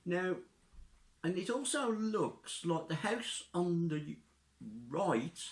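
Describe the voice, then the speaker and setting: A man's voice: high-pitched, animated, takes it slowly, roomy sound. A man vlogging in a casual, chatty way, with dry, joking humour. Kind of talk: casual chat and outdoor walk-along commentary.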